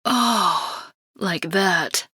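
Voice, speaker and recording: A woman voicing a passionate young woman in an audiobook, breathy and pleading. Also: fairly low pitch, very slow, pushed and bright, no echo, clean studio sound, heavily acted. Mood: breathless. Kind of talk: audiobook character acting.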